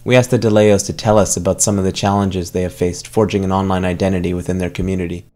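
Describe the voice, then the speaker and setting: Deep-voiced male documentary narrator. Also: level tone, fast. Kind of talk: scripted narration. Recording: music bed underneath.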